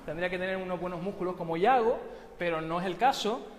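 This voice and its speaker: Pastor guy preaching, tells a story with jokes thrown in, fairly high voice, echoey church. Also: fast. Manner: storytelling with joking asides. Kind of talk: sermon.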